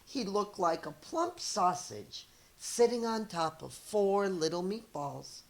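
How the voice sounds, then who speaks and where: In a mid-range voice, a middle-aged woman teacher reads a children's picture book aloud. Her storytelling is deliberate and expressive, sprinkled with chatty asides.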